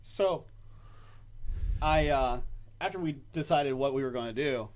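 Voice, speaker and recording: Speaking at a measured pace in a mid-range voice, a male podcast host tells stories during a casual chat. He laughs often as he goes.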